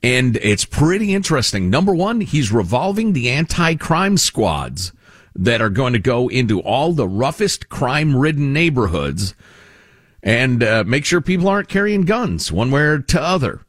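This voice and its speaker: Sarcastic, animated talk show host, a man. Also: mid-range voice, moderate pace, no room sound, clean studio sound. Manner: sarcastic and animated, with frequent restarts. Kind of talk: opinionated talk radio commentary.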